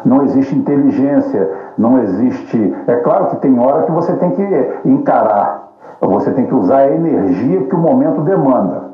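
A man's voice: medium pitch, animated, normal speed. A man giving a casual political monologue, ironic, combative and full of profanity. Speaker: political commentator. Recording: roomy, dull lo-fi, faint music.

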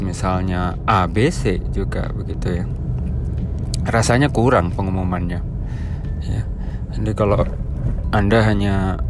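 Low, hoarse, gravelly man podcasting. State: hoarse today. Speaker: podcast host. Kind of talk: informal solo podcast talk to colleagues.

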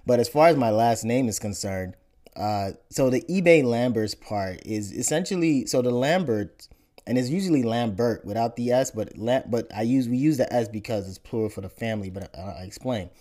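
A Nigerian man in his thirties who hosts a podcast talks about his family background in a relaxed interview conversation. He speaks at a moderate pace with a medium-pitched voice and often repeats words while he thinks.

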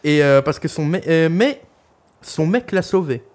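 A man's voice: fairly high pitch, expressive, unhurried, a little mellow. A young man co-hosting a podcast, chatting casually and crudely about an album, rambling with lots of fillers. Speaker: podcast co-host reviewing an album. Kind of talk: casual chat.

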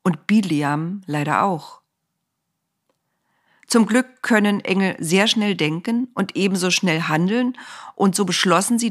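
A woman narrating a children's storybook aloud in an expressive, lively way. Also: fairly low pitch.

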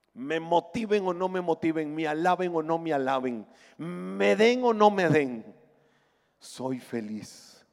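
A male pastor preaching a sermon in a church, telling stories emphatically and swinging from hushed to loud. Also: a little high. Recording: long hall reverb, faint music.

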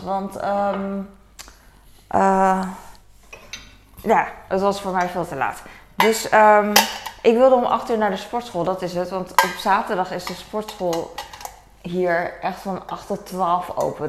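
A woman's voice: mid-range voice, a little hiss or hum. A woman in her thirties vlogging casually at home, rambling and chatty with many fillers. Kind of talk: casual chore vlog chat. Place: at home, in the kitchen.

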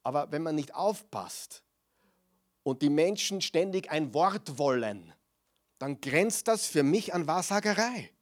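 A man preaching a sermon in a slightly raised voice. He keeps asking his listeners questions. He swings between loud, forceful passages and quieter asides. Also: a little high, lively intonation, unhurried.

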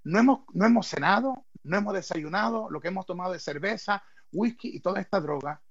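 A man, a former wrestler turned pastor, telling a personal story in a podcast interview, halting and repeating words. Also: sits high, dull audio.

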